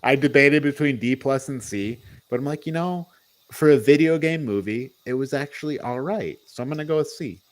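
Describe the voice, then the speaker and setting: A man with a mid-range voice co-hosts a relaxed movie review podcast, speaking at normal speed. In this casual panel chat, he hedges informally as he thinks out loud.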